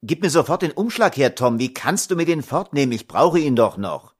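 A man's voice: mid-range voice, sing-song, a little fast, husky, pitched above the performer's own voice. A man voicing a harried father who scolds his son sharply. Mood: stern.

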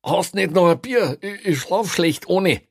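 A man voicing a panicked drunk male prisoner who stammers and shouts. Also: high-pitched, lively intonation, measured pace, vocal fry, no room sound, studio quality, pitched above the performer's own voice, heavily acted. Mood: pleading.

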